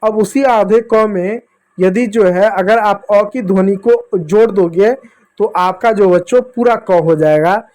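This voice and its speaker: A man teaching basic Hindi letters to children, patient and repetitive, sounding out each syllable slowly. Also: high-pitched, darkish tone. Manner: addresses listeners as children. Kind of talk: classroom lesson for children.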